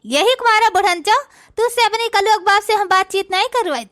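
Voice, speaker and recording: A woman's voice: very high-pitched, a little fast, fairly bright tone. A woman voicing a bold, scheming young daughter-in-law in a cartoon, with an Awadhi accent and a sassy, boastful manner. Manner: sassy, boastful, talks to the audience. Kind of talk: comic cartoon dialogue.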